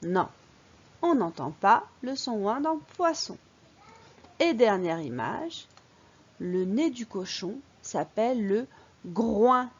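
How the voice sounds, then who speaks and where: Slow sing-song woman teaching phonics. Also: on the high side, sing-song, dull audio. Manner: slow, clear, sing-song teacher voice, stressing key words. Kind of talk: early-reading phonics lesson.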